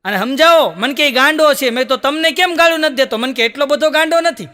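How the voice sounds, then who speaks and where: A stand-up comedian with a very high, fast, pushed and bright voice performs a Gujarati joke-telling stage show, with a little hiss or hum on the recording. He acts out each character's lines and laughs between punchlines, all in a long hall reverb.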